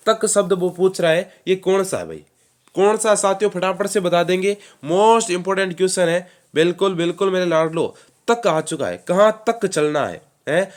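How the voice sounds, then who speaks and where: High-voiced, energetic quiz-class teacher. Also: male voice. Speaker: online exam-prep teacher. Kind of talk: live online quiz class.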